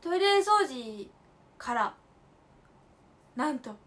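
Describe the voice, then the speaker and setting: A woman's voice: high-pitched, sing-song, extremely slow, fairly bright tone. A young woman in her late teens hosting a casual livestream, telling stories with playful, emphatic asides and mixing polite speech with slang. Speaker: idol livestream host.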